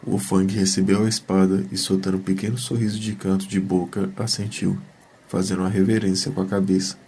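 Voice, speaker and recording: A man's voice: sits low, flat delivery, fairly quick, mellow, husky. A man narrating a scripted fantasy story as the narrator of an audio drama.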